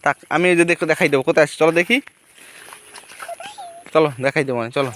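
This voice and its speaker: A young woman, a mother, chatting gently and coaxingly with her small child while filming on a walk outdoors. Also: sits low, fast, a little hiss or hum. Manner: gentle, coaxing, speaks softly to a toddler. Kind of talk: casual chat with a small child.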